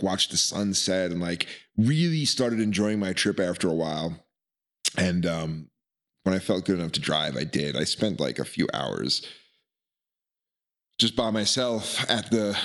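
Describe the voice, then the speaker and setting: Low-voiced laid-back storytelling man. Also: a bit bright. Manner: laid-back, rambling, acts out quotes, laughs often. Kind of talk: casual storytelling chat.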